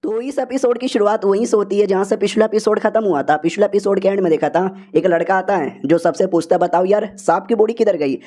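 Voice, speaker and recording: A man's voice: sits high, steady tone, fast talker, few pauses, mellow. A man narrating a story recap in a chatty, slangy way.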